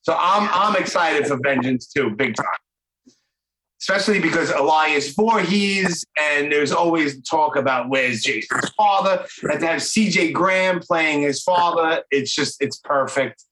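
A man's voice: fairly high pitch, a little slow, pushed and bright, echoey room, low-quality recording. A man with a Brooklyn accent hosting a podcast interview, chatty and enthusiastic in casual talk. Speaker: podcast host.

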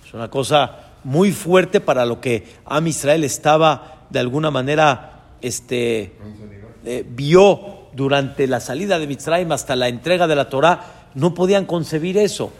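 High-voiced rabbi teaching in a hall. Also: male voice, a little slow. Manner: earnest teaching tone, weaves in Hebrew terms. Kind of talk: sermon lesson on scripture.

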